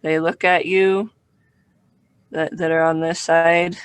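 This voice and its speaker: Slow, higher-pitched male game master. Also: level tone, clean tone, no room sound. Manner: halting, descriptive. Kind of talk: improvised tabletop game narration.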